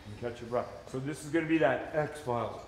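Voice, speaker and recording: In an echoey gym full of people and loud background noise, a fitness instructor leads a live group class. His medium-pitched voice moves a little fast as he calls out moves and counts, cheering everyone on and laughing often.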